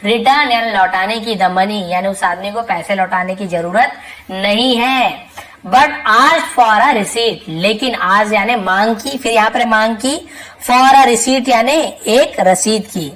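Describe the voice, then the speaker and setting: A woman's voice: mid-range voice, a bit bright, slight background noise, poor audio. Woman tutor explaining English in Hindi. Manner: reads English slowly, then explains quickly in Hindi; repeats phrases and checks with "theek hai". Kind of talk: Hindi English-reading lesson.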